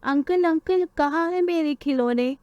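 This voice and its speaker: A woman voicing a trusting young boy bird in a cartoon, eager and high-pitched. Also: measured pace, darkish tone, no room sound, muffled recording. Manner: eager, whiny when scared.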